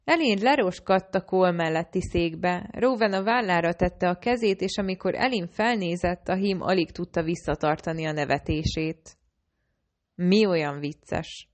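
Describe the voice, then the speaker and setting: A woman's voice: lowish voice, hardly any pauses. A woman narrating a fantasy audiobook, reading the characters' lines in a lightly varied version of her own voice.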